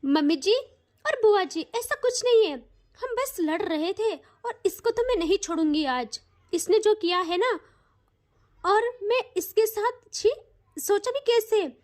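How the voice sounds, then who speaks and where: A woman's voice: very high voice, expressive, measured pace, a little mellow. A woman voicing a feisty, quarrelsome young bride-to-be in a spoken audio story. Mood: indignant.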